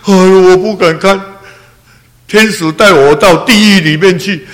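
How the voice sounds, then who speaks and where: An elderly man voicing his dying mother as she tells what she saw, in a high, wailing voice. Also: a little slow. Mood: frightened, awed.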